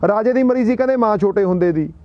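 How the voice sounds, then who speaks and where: A man's voice: sits high, lively intonation, fast, highs cut off. A man with a Punjabi accent addressing a gathering, telling folksy stories and asking rhetorical questions. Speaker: public speaker. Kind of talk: speech to a gathering.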